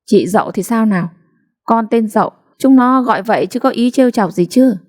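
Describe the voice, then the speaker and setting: A woman's voice: fairly high pitch, a little fast, a little mellow, pitched above the performer's own voice, natural voice. Storybook mother, plain talk, scolds but fond a woman reader doing her. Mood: chiding. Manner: scolding, matter-of-fact.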